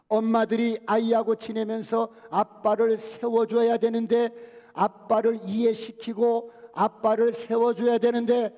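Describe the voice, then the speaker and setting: A man preaching from the pulpit in a high but mellow voice. He puts questions to the congregation and answers them himself. His words ring out with a long reverb through the church sanctuary. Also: muffled recording. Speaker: pastor. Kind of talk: sermon.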